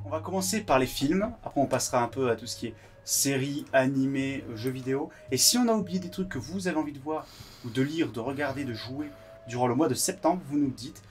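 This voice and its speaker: A man hosting a casual reaction show in a blunt, excitable, slangy way. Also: mid-range voice, quick pace, faint music behind. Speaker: host.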